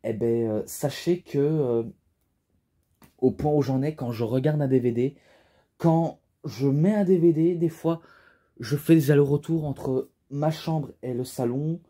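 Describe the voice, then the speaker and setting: Rambling through a wrestling DVD review, a young man keeps restarting his sentences and leaning on filler words in a relaxed way. His voice is on the high side, mellow and a bit husky, at a measured pace.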